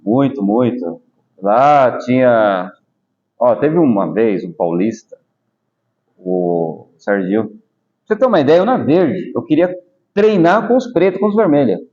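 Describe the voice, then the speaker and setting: In a mid-range voice at a measured pace, a middle-aged Brazilian taekwondo master tells stories during a casual interview. His Brazilian Portuguese accent comes through as he explains patiently and animatedly with small asides, on slightly dull lo-fi audio.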